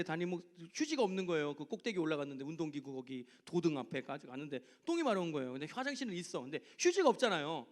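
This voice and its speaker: A man with a high voice preaches a youth sermon in a church service. He tells stories from his own life and keeps putting questions to the teens in front of him. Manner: animated, asks the teens direct questions. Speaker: youth pastor. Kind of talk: youth sermon with personal storytelling.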